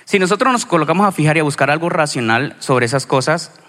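A man with a Colombian accent from Cali, a pastor giving a sermon in a conversational, storytelling way with lively asides. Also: a little high, fast talker. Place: church hall. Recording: reverberant church hall.

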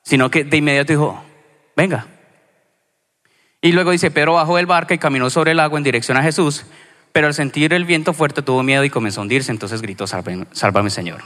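A man with a Colombian accent from Cali, a pastor giving a sermon in a conversational, storytelling way with lively asides. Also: on the high side, fast talker. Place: church hall. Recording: reverberant church hall.

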